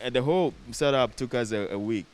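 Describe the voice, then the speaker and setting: A man's voice: mid-range voice, fairly quick. A man with a Ghanaian accent talking casually as an interview guest, repeating phrases for emphasis. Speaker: interview guest, production set designer. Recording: clear background noise with hiss.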